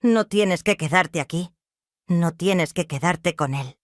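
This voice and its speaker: A narrator voicing a young stepson who speaks with tense, defiant anger. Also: male voice, high voice, takes it slowly, no echo, clean studio sound.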